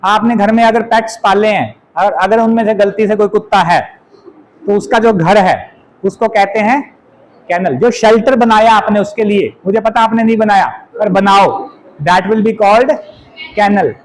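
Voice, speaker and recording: A man teaching an exam vocabulary lesson, chatty and teasing, reading definitions out slowly. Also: high voice, rough recording. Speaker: English teacher.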